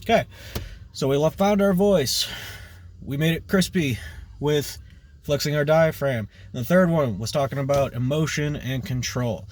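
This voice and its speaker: A man's voice: on the high side, normal speed. Casual, rambling male vocal coach. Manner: informal, rambling, with frequent fillers and "right?" checks. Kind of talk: casual video lesson.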